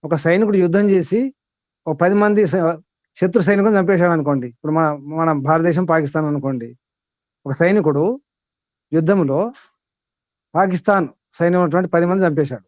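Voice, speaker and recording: Male teacher, upper-middle pitch, emphatic rhetorical style, dry dull recording. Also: fairly quick, pauses often, a little mellow, no echo. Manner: asks many rhetorical questions, emphatic. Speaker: spiritual teacher. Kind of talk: discourse with questions to students.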